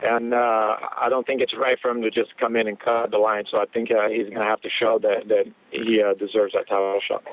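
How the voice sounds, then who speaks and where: A man's voice: on the low side, level tone, a little fast, hardly any pauses. A man interpreting between a reporter and a fighter on a conference call phone line, relaying answers in a matter-of-fact way. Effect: heard over a phone conference line. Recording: tinny phone line with faint hiss.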